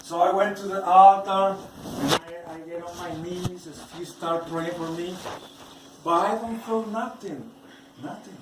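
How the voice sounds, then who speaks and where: A man who is not a native English speaker tells his religious testimony slowly, stopping often to repeat and rephrase as he searches for words. His voice sits a little high and sounds set back from the mic in a roomy space. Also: noisy background. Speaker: churchgoer giving a personal testimony. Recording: roomy, from some distance off the mic.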